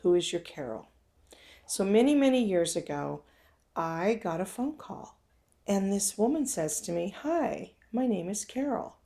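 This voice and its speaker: A woman's voice: medium pitch, animated, a little slow, creaky, warm tone. A woman telling a personal story in a casual, conversational way, speaking straight to her listeners. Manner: conversational, addresses listeners directly. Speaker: self-help speaker.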